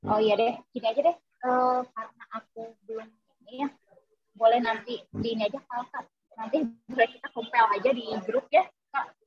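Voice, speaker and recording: A woman moderating an online meeting in a relaxed, hesitant way, her voice cutting in and out over a video call. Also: fairly high pitch. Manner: relaxed, hesitant, with filler pauses. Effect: voice breaking up over a video call. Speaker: webinar moderator. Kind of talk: casual online meeting talk. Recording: muffled, choppy video-call audio.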